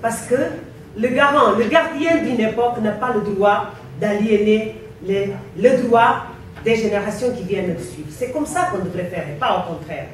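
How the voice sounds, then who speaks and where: Her voice is mid-range: a Guinea-Bissau woman presenting at a conference in accented French, a language she learned rather than grew up with. She talks with deliberate emphasis and recurring phrases in an impassioned tone. The echo of the indoor room is strong, the mic distant, and there's slight noise.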